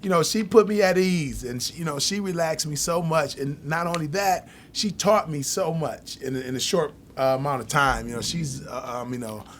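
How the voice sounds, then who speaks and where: Rambling man co-host, higher voice. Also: moderate pace, hardly any pauses, fairly bright tone, slight background noise. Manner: rambling, many fillers. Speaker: podcast co-host. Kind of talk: casual chat.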